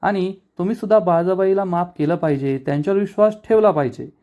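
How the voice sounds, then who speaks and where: A man voicing a calm, persuasive young married woman from a TV serial, speaking earnestly as he retells the scene. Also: high voice, fast, phone-quality sound, pitched above the performer's own voice, close to an everyday voice. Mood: coaxing.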